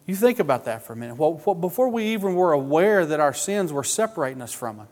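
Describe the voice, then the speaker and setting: A man's voice: a little high, very animated, a little mellow. Earnest man preaching in a reverberant hall. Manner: earnest, emotional, slow emphatic phrasing. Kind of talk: sermon.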